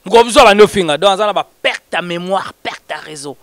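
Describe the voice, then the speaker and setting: A man talking in an animated, casual way, switching between Lingala and French. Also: high voice, brisk, dry recording, studio quality.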